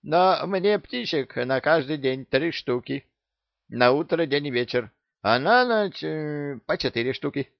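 Yaga, a shrill brash parrot. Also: male voice, expressive, measured pace, creaky, no echo, highs cut off. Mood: cocky. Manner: shrill, cocky, bossy shouting. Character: cheeky brash male parrot, boastful bully.

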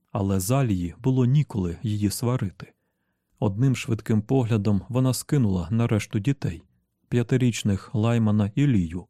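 A man narrating an audiobook in a steady, measured reading voice. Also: lowish voice, no room sound, clean studio sound.

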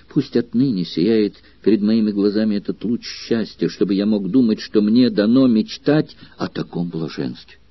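Passionate young gladiator, read by a man, husky voice, dull lo-fi sound. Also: medium pitch, no room sound. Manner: passionate, pleading, rising outbursts. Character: ardent young male gladiator in love.

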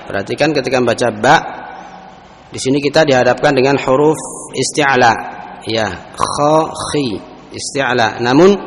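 A man's voice: medium pitch, a bit bright, slight background noise. Man teaching recitation in echoey hall. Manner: explains rules, then chants Quranic examples slowly for repetition. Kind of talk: tajwid lesson with recited examples. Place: large mosque hall. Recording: echoey mosque hall sound.

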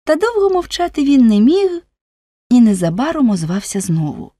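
A woman narrating an audiobook in an even storytelling read. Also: fairly high pitch, normal speed, no echo, studio quality. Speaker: audiobook reader. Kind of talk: scripted narration.

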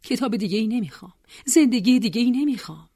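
A woman's voice: fairly high pitch, expressive, warm tone, no echo, studio quality, pitched above the performer's own voice. A woman voicing a desperate young woman who insists and pleads in a raised voice. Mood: defiant.

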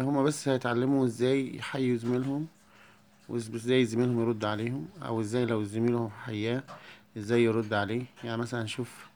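A man with an Egyptian Arabic accent explaining a beginner lesson, repeating each word slowly and clearly for his pupils. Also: medium pitch, darkish tone. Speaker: French teacher.

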